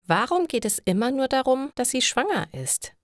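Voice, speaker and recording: A woman reading stories for language learners in a slow, clear and deliberate scripted narration. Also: sits high, very animated, no echo, clean studio sound.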